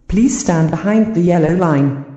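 A woman reading formal train station announcements in a calm, measured delivery. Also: fairly low pitch, echoey room.

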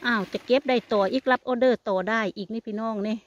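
A woman's voice: on the high side, steady tone, fast, lo-fi sound. Chatty older Isan Thai woman. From Thailand. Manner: chatty, addresses viewers as family. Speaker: vlogger. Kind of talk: casual chat while foraging. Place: outdoors in a forest. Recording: faint outdoor noise.

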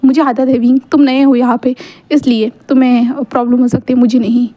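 A woman voicing a calm, protective young man who gently scolds. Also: sits high, a little fast. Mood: tender.

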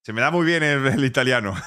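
A man's voice: fairly high pitch, bright, forceful tone. A man from Spain streaming live, chatting casually and joking, with playful mock-French and bits of other languages. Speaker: Twitch streamer.

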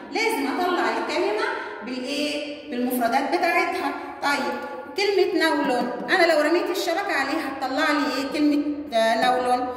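A woman with an Egyptian Arabic accent explaining a primary school lesson, asking questions and answering them herself. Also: high voice. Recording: echoey room, voice from far off.

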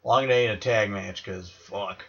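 A man's voice: on the low side, a little slow, creaky, a bit bright, highs cut off. A man giving rambling, profane, sarcastic commentary while playing a video game. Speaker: let's play gamer. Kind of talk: casual crude gameplay commentary.

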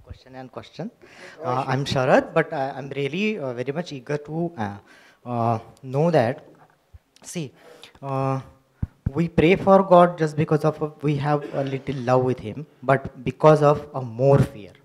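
A man with an Indian English accent asking a question from the audience in a lecture hall, halting and searching for words. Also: mid-range voice, a little mellow.

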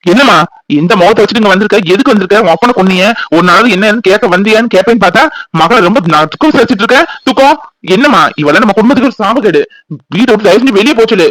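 A man plays a harsh elder brother in a cartoon who rattles off curt rebukes at a very quick pace, his voice pitched high. The sound is dry and close. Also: fairly bright tone, dry recording, low-quality recording. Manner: curt, rapid, scolding. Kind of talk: cartoon voice acting.

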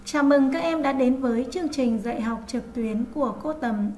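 High-pitched lady teacher going real slow, spelling sounds out for little kids, faint hiss behind. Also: a little mellow. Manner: slow, clear, drawn-out pronunciation of sounds. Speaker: primary school teacher. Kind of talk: online first-grade reading lesson.

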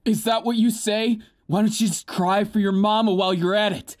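A man's voice: sits high, fairly even intonation, normal speed, dry recording, natural voice. A man voicing a cocky, villainous teenage boy in a fan audio drama, taunting and menacing, at times stammering as he feigns nerves. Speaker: voice actor.

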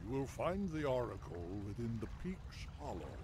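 An actor voicing a noble old bull-man chieftain in a fantasy game, with gravelly, solemn, measured proclamations. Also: medium pitch, very animated, noisy background. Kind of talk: fantasy video game voice acting. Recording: game music behind.

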